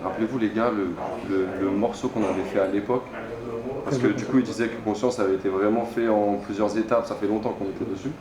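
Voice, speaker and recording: A man's voice: on the low side, fairly even intonation, quick pace. A man from a rap group, eagerly reminiscing in slangy, casual interview talk. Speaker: rapper in a group. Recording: echoey room with crowd behind.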